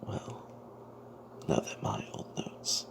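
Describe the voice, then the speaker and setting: In breathy ASMR whispers, a man narrates a fantasy story while playing a wry, suspicious adventuring cleric. His delivery is hushed and halting.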